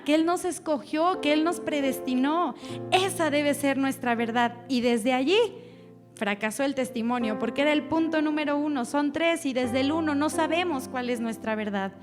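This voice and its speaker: A woman preaching a sermon in a church service, exhorting the congregation and asking them to repeat after her. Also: sits high. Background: instrumental music playing under her voice.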